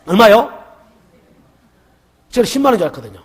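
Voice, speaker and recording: A middle-aged man with a Gyeongsang accent, preaching a Sunday sermon in church and telling a story with lively questions to the congregation. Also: sits high, a little fast, husky. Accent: Gyeongsang dialect. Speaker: pastor. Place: church sanctuary.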